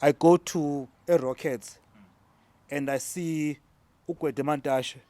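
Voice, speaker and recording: In a casual debate, a middle-aged South African panelist from the Eastern Cape, whose native language is Xhosa, makes his case emphatically and keeps repeating key lines. His voice is fairly high-pitched yet dark, with a steady tone and a slow pace.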